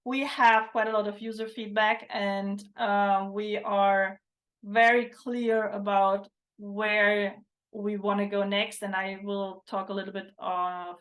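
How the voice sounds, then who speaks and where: A woman's voice: medium pitch, little pitch movement, slow pace, fairly bright tone. A woman talking through a livestream panel discussion, thoughtful, often restarting her sentences. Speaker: livestream presenter. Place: online livestream, video call.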